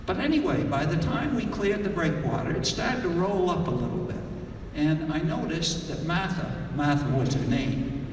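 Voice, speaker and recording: A man telling a humorous yarn in a folksy way, drawing out words for comic emphasis. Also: on the high side. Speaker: humorist storyteller. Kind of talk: live humorous storytelling. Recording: very echoey hall, distant mic, faint noise.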